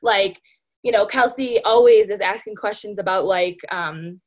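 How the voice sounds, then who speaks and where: In an unhurried, mid-range voice, a woman gives her sales team a casual pep talk. She chats along with lots of "like" and "you know," frequently calling them "you guys."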